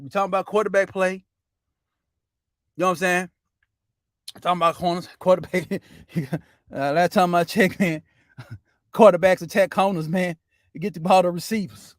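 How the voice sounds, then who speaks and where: Profane fast-ranting male sports host. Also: high-pitched, no room sound, clean studio sound. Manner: loose, profane, says "man" constantly. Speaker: sports talk show host. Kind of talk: casual sports rant.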